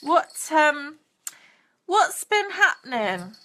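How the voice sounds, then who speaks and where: Young British woman live-streaming, high bright voice, chatty and crude, unhurried. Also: big pitch swings. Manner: bubbly, crude jokey asides. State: out of breath. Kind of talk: casual live stream chat greeting viewers.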